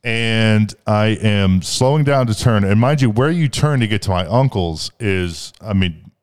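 A man in his mid-twenties with a slightly low voice, talking casually on a podcast. He tells the story in a loose, rambling way and swears freely, and the story comes across as lively. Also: measured pace, clear, resonant tone. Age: 20s. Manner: profane, rambling, animated retelling. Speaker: podcast co-host.

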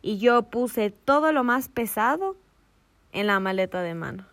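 A woman telling a story in casual chat, animated and laughing, dropping in English slang. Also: fairly high pitch, unhurried, dry recording.

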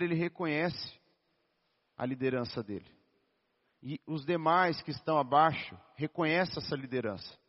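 A man, a physical education teacher, preaching a sermon in a conversational, storytelling way with a naturally hoarse voice. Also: fairly high pitch. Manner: storytelling, conversational, addresses listeners as brothers. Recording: dull sound with long reverb in a hall.

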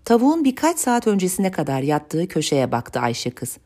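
A woman with a very low voice reads a folk tale aloud. Her delivery is measured and even, in the manner of storybook narration.

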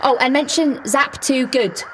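A woman's voice: high-pitched, measured pace, slight background noise, poor audio. A woman playing an earnest young police officer. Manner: earnest, questioning. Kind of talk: radio drama acting.

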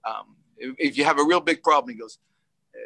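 A man's voice: mid-range voice, fast, sharp tone, dry recording. A middle-aged man, a podcast guest, telling candid stories in conversation. He rambles, gets emotional and often laughs.

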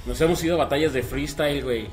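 A man's voice: on the high side, quick pace. A man with a Mexican accent bantering casually with friends, using heavy slang and swearing freely. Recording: faint music behind the voice.

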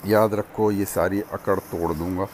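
A hot-tempered, bullying young man, as a man reads him aloud, threatening in a low voice with faint noise behind. A storybook reading. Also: fairly even intonation, measured pace, a little mellow. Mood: furious. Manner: roaring, threatening.

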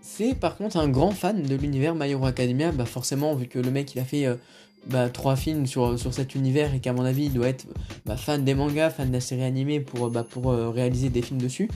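A man's voice: mid-range voice, steady tone, brisk, warm tone, faint music behind. A man with a French accent hosting a casual film review podcast, talking hesitantly with many fillers and restarts. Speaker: podcast host.

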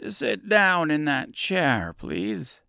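Man doing a quiet little wizard, measured and a touch halting, slow, dry recording. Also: on the high side, huge pitch swings, creaky, no room sound, pitched above the performer's own voice, heavily acted. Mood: soothing. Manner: soft, hesitant and measured. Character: fussy little old male wizard, a humbug. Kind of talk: audiobook character voice.

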